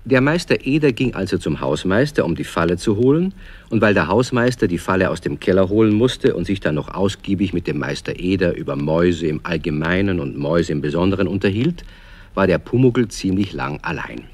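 A man narrating a children's radio story in a calm, measured way. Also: low voice.

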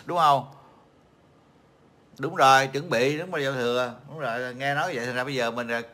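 A man's voice: medium pitch, moderate pace, pauses often, sharp tone. A middle-aged man from Vietnam hosting a casual livestream chat, rambling and mocking, with many fillers and repeated words. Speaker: livestream host.

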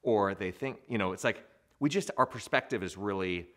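A middle-aged man hosts an interview from a studio. His voice sits on the low side, and he asks his questions earnestly and with curiosity. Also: moderate pace, a bit bright. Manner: inquisitive, earnest. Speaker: host. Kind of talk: interview host. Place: studio with dark backdrop.

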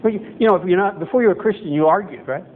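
A middle-aged pastor preaches a conversational sermon in an indoor chapel hall with a projector screen, correcting himself as he goes and acting out quoted voices. His voice is high and racing, and the sound is tinny and phone-like with faint noise.

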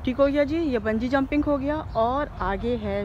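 A middle-aged woman vlogs outdoors in a park, filming herself on a handheld phone, chatty and cheerful as she switches between English and Hindi. Her voice sits high and slightly mellow at a moderate pace, with lo-fi sound and slight background noise.

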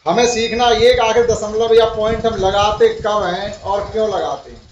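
A man's voice: high-pitched, fairly even intonation, moderate pace. A male primary school teacher giving a classroom lesson, asking his pupils questions and repeating their answers. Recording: roomy, far-off, dull, slightly noisy.

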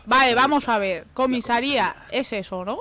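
A young woman from Spain, speaking with a Spanish accent, streams herself playing a horror game and commentates live. Her voice is on the high side and sharp, at a moderate pace, and she swears often and talks to the characters on screen.

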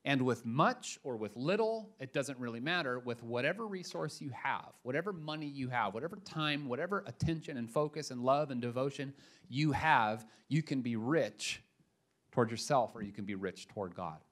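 A male pastor preaching a sermon, emphatic, moving between quiet asides and loud punches, with casual slang. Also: mid-range voice, lively intonation, moderate pace.

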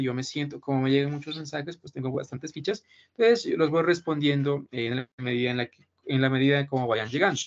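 Through muffled video call audio with a faint noise floor, a gravelly, fairly high-pitched man teaches an online class. He's reassuring and repetitive, constantly asking "¿listo?" to make sure students keep up.

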